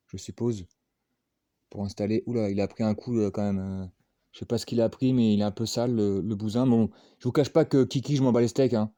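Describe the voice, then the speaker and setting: A man's voice: mid-range voice, dark tone, no room sound. A man chatting casually while unboxing collectibles, rambling with lots of fillers and self-mocking asides. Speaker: unboxing vlogger.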